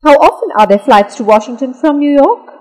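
A woman reading the lines of a scripted English lesson dialogue, slowly and with careful enunciation. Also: high-pitched, lively intonation, darkish tone, long reverb tail. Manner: slow, careful, clearly enunciated delivery.

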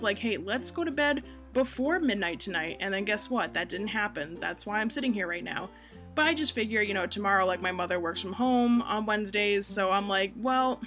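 A woman's voice: medium pitch, a bit bright. A young American woman giving casual, rambling, self-deprecating voice-over commentary as a gaming YouTuber. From United States. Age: young adult. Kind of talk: casual chatty voice-over commentary on game footage. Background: music.

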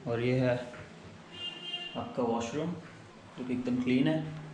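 A man's voice: medium pitch, slow pace, warm tone, slight background noise, poor audio. A man in his thirties vlogging casually, chatting like a tour guide as he shows a hotel room and walks a busy mountain-town street, recorded on a handheld camera mic. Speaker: travel vlogger. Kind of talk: casual travel vlog narration.

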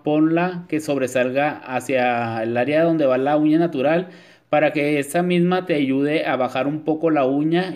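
This nail technician's voice is a little high with a darkish tone. He narrates a nail tutorial in a chatty voice-over, leaning often on the filler "este" and speaking to viewers as "chicas."

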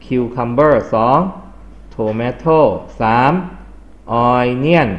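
A man's voice: medium pitch, drawn-out words, highs cut off. A man from Thailand teaching English vocabulary to a class, explaining words and quizzing the students. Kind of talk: classroom lesson.

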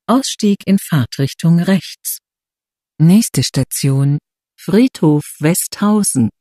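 A transit announcer giving scripted subway announcements of stations and transfers in formal, measured, segmented phrases. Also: mid-range voice, dark tone, no echo, studio quality.

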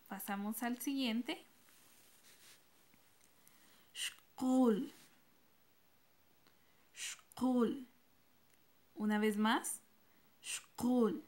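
A woman's voice: a little high, fairly bright tone. A woman teacher giving a recorded online class, speaking patiently and repeating each word for her pupils.

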